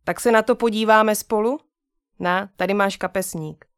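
A woman reading aloud and voicing a gentle, patient father who calmly comforts his upset son in a children's story. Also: medium pitch, clear, resonant tone, dry recording, clean studio sound, natural voice. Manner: calm, soothing, kindly questioning.

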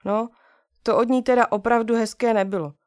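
A patient, kindly father speaks in a calm, soothing way, asking questions to draw out his child's feelings, as a woman reading a storybook puts him on. The voice sits a little high, in a dry, close recording with no room sound. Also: dry recording, close to an everyday voice. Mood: gentle. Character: gentle patient young father comforting son.

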